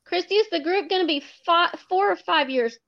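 A woman's voice: very high voice, brisk, creaky. A woman from Texas with a Southern accent, a book club organizer chatting easily as a guest. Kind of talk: casual interview chat. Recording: dull lo-fi call audio.

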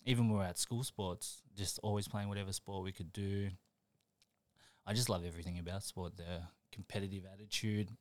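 A young New Zealand man chats casually as a podcast guest, his low voice fairly quick and fairly even in intonation. He's laid-back, laughs often, and tends to trail off mid-sentence; the recording is dry.

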